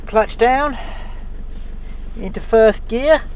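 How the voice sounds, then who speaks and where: A man's voice: extremely high pitch, extremely slow, darkish tone, lo-fi sound, a little hiss or hum. A man in his forties giving dry, understated commentary while testing an old car, filmed on a handheld camera inside and around the vehicle. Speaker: vlogger. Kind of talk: casual running commentary. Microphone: handheld action camera. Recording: faint engine idle behind.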